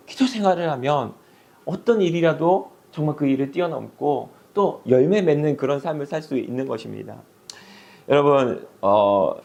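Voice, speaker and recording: A middle-aged male pastor preaching a sermon, telling a story with animated delivery and acted-out voices. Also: a little high.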